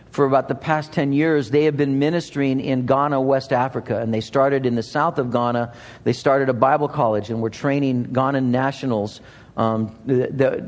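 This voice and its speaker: A man's voice: mid-range voice, darkish tone. A man preaching a sermon as a pastor, speaking earnestly and repeating phrases for emphasis. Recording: reverberant large hall.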